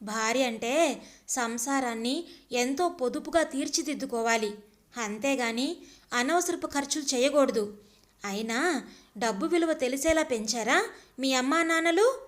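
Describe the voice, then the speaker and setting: A woman's voice: high voice, unhurried, long pauses. Ravi, a woman doing a sneering husband. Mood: scolding. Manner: sneering, scolding. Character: scornful husband, a clerk, mocking his wife.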